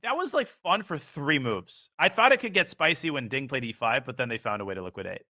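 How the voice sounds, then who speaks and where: A man's voice: medium pitch, lively intonation, pushed and bright, lo-fi sound. A man commentating live chess, analyzing positions and rattling off moves. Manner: analytical, calls moves rapidly.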